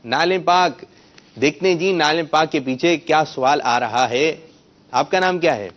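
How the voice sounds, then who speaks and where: A man's voice: on the high side, a bit bright. A man hosting a children's quiz show, coaxing the kids and correcting their pronunciation. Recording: muffled lo-fi broadcast sound.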